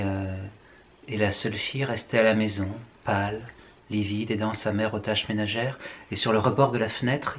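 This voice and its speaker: A man's voice: on the low side, fairly bright tone, slight background noise. A French man, a writer, musing through a book review with wry asides. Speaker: writer presenting books.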